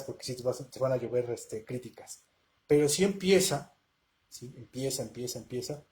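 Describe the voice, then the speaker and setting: Man, language teacher on a live stream, mid-pitched, casual and conversational, keeps asking "right?". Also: darkish tone. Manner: conversational, checks in with rhetorical questions.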